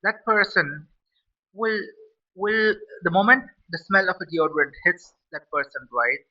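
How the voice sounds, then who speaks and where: A man's voice: high voice, measured pace. A man giving a blunt, profane opinion rant, repeating himself as he talks. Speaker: vlogger. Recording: lo-fi and a bit far from the mic.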